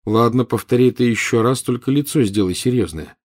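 A male narrator raises his voice into an exasperated teenage boy wizard, impatient and incredulous. The voice sits noticeably higher and louder than the storyteller's own, with lively, lifted phrasing in a storybook reading. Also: fairly quick, close to an everyday voice.

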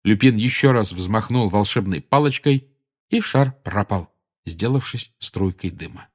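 A man reads an audiobook with dramatic, expressive narration. His pitch moves in a lively way, and his voice has a husky, breathy grain. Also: a little slow. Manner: dramatic, shifting between tense and hushed.

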